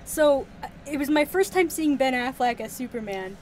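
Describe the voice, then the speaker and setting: A high-pitched woman chatting on a casual podcast, giggling often and leaning on filler words. A faint hiss of noise sits under her voice. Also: animated, moderate pace, darkish tone. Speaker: podcast co-host.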